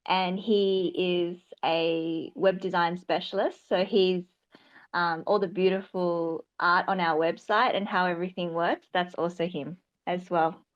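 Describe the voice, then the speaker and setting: A woman's voice: on the low side, steady tone, a little slow, muffled recording. A woman from Australia, a project co-founder, talking through a voice changer in a casual online chat, hesitant with many fillers.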